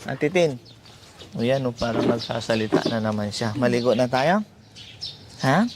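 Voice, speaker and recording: A man hosting a vlog, gently asking question after question. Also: medium pitch, normal speed. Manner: gentle, repetitive coaxing questions. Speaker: vlogger host. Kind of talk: casual vlog chat, coaxing questions. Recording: noisy background.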